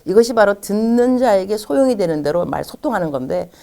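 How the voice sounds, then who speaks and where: A woman's voice: medium pitch, brisk, gravelly. A middle-aged woman missionary giving a church lecture to parents, acting out parents and children in little quoted scenes. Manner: animated, acts out parents and children in quoted lines. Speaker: missionary speaker.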